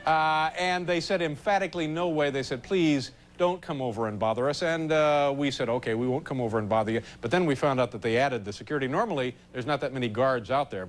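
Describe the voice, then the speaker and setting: A man hosting a late-night talk show, telling jokes in a wry, halting way with deadpan punchlines. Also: fairly high pitch. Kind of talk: comic monologue and stunt banter. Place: TV studio and building hallways. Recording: broadcast with loud studio audience and background noise.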